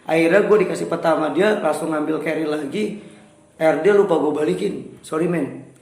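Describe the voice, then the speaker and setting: A young man telling a story in a casual interview, animated, raising his voice for quoted dialogue. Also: a little high, normal speed, gravelly. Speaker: guest storyteller. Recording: echoey room with soft music.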